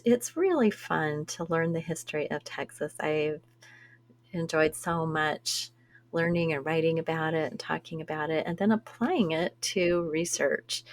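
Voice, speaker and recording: A woman co-hosting a genealogy podcast, chatty and quick to laugh at herself. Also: low voice. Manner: chatty, laughs easily, self-deprecating. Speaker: podcast co-host. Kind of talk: conversational podcast discussion.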